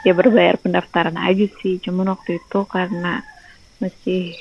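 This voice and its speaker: A woman's voice: lowish voice, little pitch movement, normal speed, creaky, muffled recording, a little hiss or hum. A young woman, a teacher and YouTuber, chatting casually in a rambling vlog with lots of fillers, recorded on a phone. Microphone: phone rear camera.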